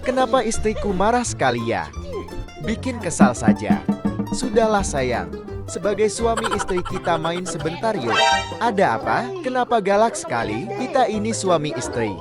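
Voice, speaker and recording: A woman's voice: mid-range voice, sing-song, normal speed, close to an everyday voice. A woman voicing a lazy, whiny young husband who sulks at his nagging wife. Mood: sulky. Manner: whiny, sulky. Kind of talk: dubbed skit acting. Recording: music playing behind.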